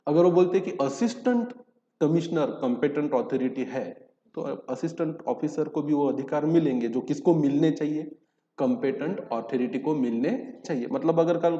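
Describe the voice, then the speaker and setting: This recorded lecture features a man with a fairly high, warm voice and a brisk pace. He works through terms by asking and then answering his own questions, moving between Hindi speech and English legal passages, and the hall sound is dull and echoey.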